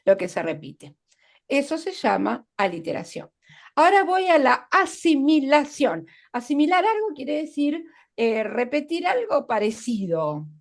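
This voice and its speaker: A woman's voice: high voice, sing-song, measured pace, creaky. A woman teaching literature in an online class, explaining literary devices step by step with examples and checking in with her students.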